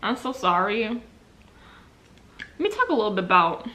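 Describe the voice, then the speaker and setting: A woman's voice: medium pitch, big pitch swings, normal speed, pushed and bright. A young woman vlogging at home, chatting casually to camera between bites of a sandwich, rambling with lots of likes and restarts. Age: young adult. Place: at home indoors by a window.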